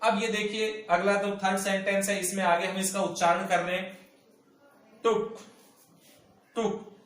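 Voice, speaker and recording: A man teaching at a whiteboard, explaining step by step with patience and repeating the example words slowly. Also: high-pitched, monotone, fairly bright tone, recorded from a distance. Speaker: English teacher. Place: classroom with a whiteboard. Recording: echoey room, voice from off-mic.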